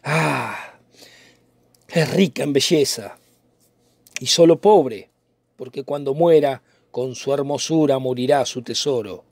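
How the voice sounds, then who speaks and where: A man's voice: mid-range voice, takes it slowly, long pauses, a little mellow, no echo, clean studio sound. A man reading the part of a brooding, poetic young nobleman in a dramatic reading of a play, in a theatrical, declaiming manner. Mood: lovesick.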